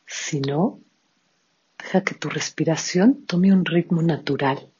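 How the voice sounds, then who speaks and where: A yoga instructor guides a breathing meditation at a very slow, unhurried pace. The voice is soft and breathy, with calm, counted breath cues. The recording sounds dull and lo-fi. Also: mid-range voice.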